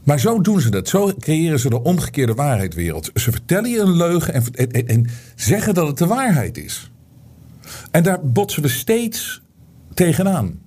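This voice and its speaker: A middle-aged man speaks to his audience in a loose, rambling monologue, stumbling over fillers and restarts before building into animated argument. His voice is husky and mellow, with a dark, soft tone. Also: on the high side, moderate pace. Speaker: online show host. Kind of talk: casual monologue to viewers.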